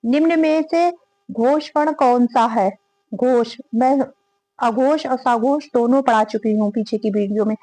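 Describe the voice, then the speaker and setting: A woman's voice: sits high, no room sound, rough recording. A woman teaching a grammar lesson, reading out quiz questions and going through the answer options one by one. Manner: reads each question then lists and repeats the options aloud.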